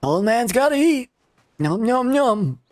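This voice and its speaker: A man voicing a grumpy old man from a video game in a measured old-timer delivery. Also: very high voice, sing-song, darkish tone, voice pushed up, full character voice. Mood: matter-of-fact, gruff. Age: older. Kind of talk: reading game dialogue aloud.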